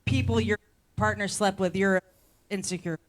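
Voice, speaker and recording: A woman's voice: mid-range voice, fairly even intonation, normal speed. A woman in her late thirties on a debate panel, talking in a defensive, dismissive way. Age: late 30s. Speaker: debate guest.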